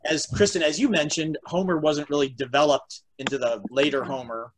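An American man in his forties hosts a video-call table read from a room at home, narrating stage directions and trivia. His fairly high voice keeps a steady tone and a brisk pace. The computer mic sits at arm's length, and the call is noisy with clicks.

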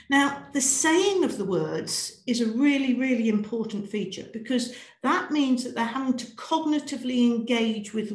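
A British woman leading a piano teachers' webinar, lively and encouraging, singing and chanting rhythms as she demonstrates. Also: on the high side, roomy sound.

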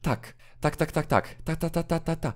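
A man reading an audiobook drama, voicing a small curious child in a raised, excited tone. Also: unhurried. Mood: eager. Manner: high, excited questioning.

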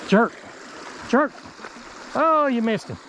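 Middle-aged man, outdoor fishing host, high voice, encouraging coach, faint water behind. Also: animated, takes it slowly, pushed and bright, a little hiss or hum, rough recording. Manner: encouraging, gives short repeated instructions. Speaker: fishing bait company host. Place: outdoors by a creek. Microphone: body-worn action camera. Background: running stream water.

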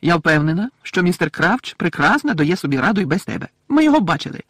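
A man's voice: high-pitched, sing-song, fast talker, fairly bright tone, dry recording, studio quality, voice pushed up, exaggerated voice. A man voicing a firm, clever teenage schoolgirl in an audiobook. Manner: firm, reassuring.

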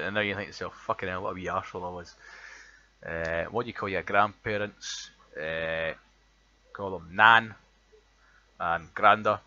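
A man's voice: fairly low pitch, bright, forceful tone, lo-fi sound. A man with an Edinburgh Scottish accent, casually chatting and swearing freely as he reads through a word list for an accent tag vlog. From Scotland. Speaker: vlogger.

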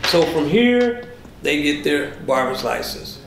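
Energetic man pitching his barber class. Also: takes it slowly, soft background music. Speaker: barber instructor. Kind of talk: upbeat promo pitch. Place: indoor school studio. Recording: roomy echo, background noise.

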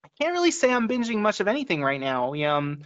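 Chatty guy cohost on a headset, bright voice, muffled lo-fi call audio. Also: high voice, sing-song, fast. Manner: chatty, laughs often, acts out quoted lines. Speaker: podcast co-host. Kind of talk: casual chat. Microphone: headset on video call. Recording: dull lo-fi video call audio.

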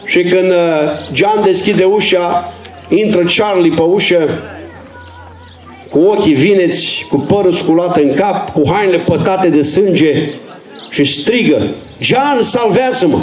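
A man's voice: high voice, reverberant. A man preaching an open-air street sermon in an earnest, urgent, exhorting way.

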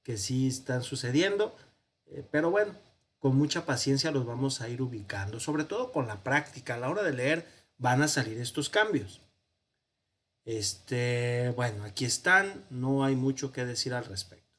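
A man's voice: medium pitch, lively intonation, normal speed, fairly bright tone. A man with a Mexican Spanish accent giving a patient, explanatory online grammar lesson. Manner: patient, explanatory, self-correcting, with many "este" fillers. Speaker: Hebrew grammar teacher.

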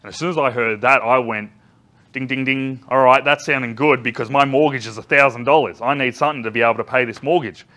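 An Australian business trainer in his 30s gives a live talk to a seated audience in a large indoor conference room, picked up by a distant camera with no visible mic. He's a loud, rambling storyteller full of ums and restarts, speaking quickly at a medium pitch with fairly even intonation.

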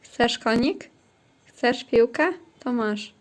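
A woman's voice: fairly high pitch, expressive, very slow, slight background noise. A woman streaming a game, chatting casually with her viewers and teammates as she plays. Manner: chatty, talks to chat and teammates. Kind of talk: casual livestream chat while gaming.

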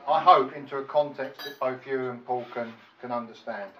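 A man's voice: mid-range voice, fairly even intonation, moderate pace. Distant, echoey father giving a speech. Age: middle-aged. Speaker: father of the bride. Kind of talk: prepared wedding speech. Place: large function room at a wedding reception. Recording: echoey room, distant mic, muffled, loud noise.

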